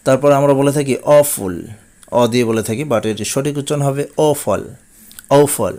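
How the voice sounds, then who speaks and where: A man's voice: mid-range voice, fairly even intonation, racing, a little mellow. A man with a Bengali accent teaching English pronunciation, saying each word several times and then giving its meaning. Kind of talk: slow, repetitive pronunciation lesson.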